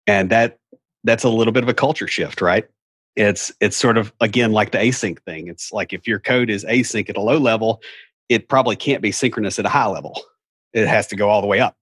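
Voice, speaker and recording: A man's voice: fairly low pitch, brisk, fairly bright tone, slightly rough, no room sound, clean studio sound. A middle-aged man with an Appalachian hillbilly accent, casually explaining things in a folksy, wry way with rambling asides. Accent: Appalachian hillbilly, Southern US.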